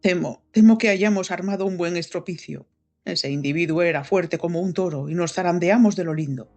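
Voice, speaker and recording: A woman's voice: fairly low pitch, a little mellow, faint music behind. A woman voicing a young man who has just come round after a fight, hesitant but breezy. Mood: dazed. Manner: hesitant, then brisk and breezy. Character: shaken young man, dazed but cheerful.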